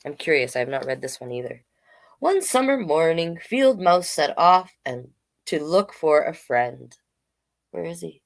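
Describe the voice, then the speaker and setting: Her voice sits low and sing-song, with a measured pace, as this drag king host reads picture books aloud. The storytime is informal, and she keeps adding chatty remarks between lines.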